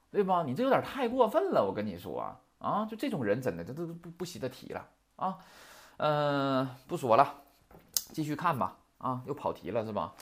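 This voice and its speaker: A man teaches a vocabulary lesson in quick, colloquial speech. His pitch sits a little high and leaps around, and he keeps firing rhetorical questions at the listener. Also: pushed and bright. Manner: chatty, heated, rhetorical questions. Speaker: Japanese language teacher. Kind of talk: casual lecture with rants.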